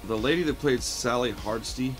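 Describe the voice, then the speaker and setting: Chatting casually over music, a man in his late thirties talks through a horror film review from a home room full of record and film shelves. He speaks a little fast in a mid-range voice, laid-back and friendly, saying "man" to the listener a lot.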